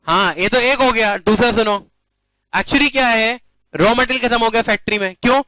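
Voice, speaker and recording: A man's voice: very high voice, normal speed, sharp tone, no room sound, poor audio. A male commerce teacher lecturing a class playfully, often checking that students follow and mixing English phrases into his talk.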